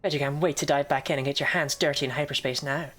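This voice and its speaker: A woman livestreaming a game, chatting casually and reading dialogue aloud, with a playful, self-deprecating, deadpan joking manner. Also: deep voice, quick pace.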